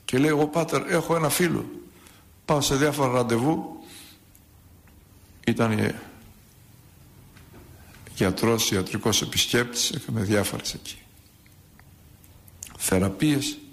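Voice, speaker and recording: A priest giving a sermon, telling a saint's story and acting out its dialogue, with rhetorical questions. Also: male voice, mid-range voice, long pauses.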